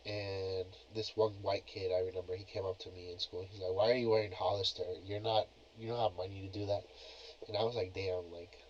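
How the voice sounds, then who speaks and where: A young man with a low, slightly mellow voice hosts a casual solo podcast, rambling in a laid-back way full of filler phrases. He uses a cheap plug-in computer mic, giving a dull lo-fi sound.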